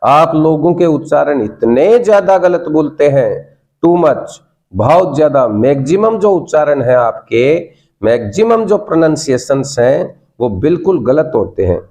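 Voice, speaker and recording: Man, Indian accent, English teacher, mellow tone, coaxing, repeats prompts. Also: fairly high pitch, very animated, a little slow. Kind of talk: classroom lesson.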